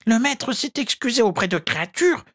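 A man voicing a small, frail, servile male house-elf who whimpers and pleads in a squeaky voice. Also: expressive, normal speed, fairly bright tone, heavily acted. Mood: distraught. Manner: squeaky, whimpering, speaks of himself in third person.

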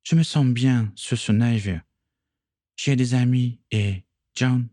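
A man voicing a gentle, heartfelt young Englishwoman in a read-aloud story. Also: mid-range voice, slow pace, no echo, clean studio sound, pitched above the performer's own voice, lightly acted. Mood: tender. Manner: soft, raised voice.

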